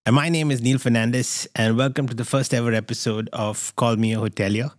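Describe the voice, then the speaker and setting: A man's voice: mid-range voice, fairly even intonation, brisk, no echo, clean studio sound. A middle-aged man from Goa, hosting a podcast interview in a rambling way with many restarts. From Goa, India. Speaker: podcast host. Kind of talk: casual interview chat.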